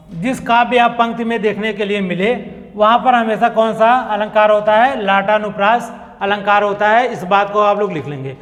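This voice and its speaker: Guy teaching grammar for exam prep, kinda high voice, keeps checking everyone's following, long echo in the room. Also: fairly bright tone. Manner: repetitive, checks in with listeners often; reads examples slowly, word by word.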